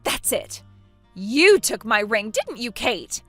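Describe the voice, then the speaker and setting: A woman's voice: fairly high pitch, very animated, slow pace, bright, forceful tone, no echo, faint music behind, heavily acted. A smug, mocking younger sister, played by a woman. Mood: accusing. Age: 20s. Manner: mocking, laughs at others. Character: smug, spiteful younger sister in her twenties. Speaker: character in a voiced text story. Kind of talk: voice acting for a text-message story.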